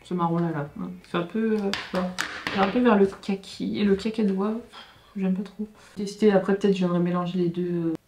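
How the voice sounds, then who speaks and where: A young woman chatting casually through a makeup tutorial, thinking aloud with many hesitations and self-corrections, often dropping into quiet asides. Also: mid-range voice, steady tone, moderate pace, noisy background. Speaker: beauty vlogger. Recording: roomy echo with faint background music.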